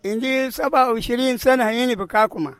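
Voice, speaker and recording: A man's voice: extremely high pitch, quick pace, a bit bright, dry recording. An 80-year-old man from South Sudan, a refugee giving short, plain answers in an interview. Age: 80s.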